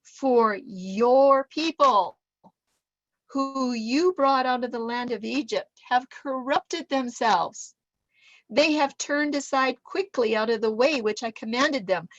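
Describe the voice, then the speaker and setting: A woman teaching a Bible lesson to a small group, reading scripture aloud with lively emphasis. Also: high voice, measured pace, no echo, muffled recording.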